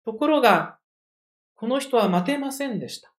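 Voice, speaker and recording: A preacher speaks in an even, mid-range voice, carefully explaining a scripture passage to a congregation. The delivery is measured and reflective, loosened now and then by casual, conversational asides. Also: medium pitch. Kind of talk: sermon.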